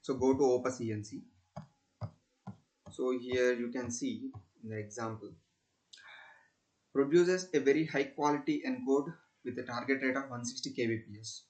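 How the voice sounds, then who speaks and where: In this screen recording, a male student walks through using a piece of software, his medium-pitched voice a little mellow. The demonstration is straightforward and practical, though he hesitates often and restates what he just said.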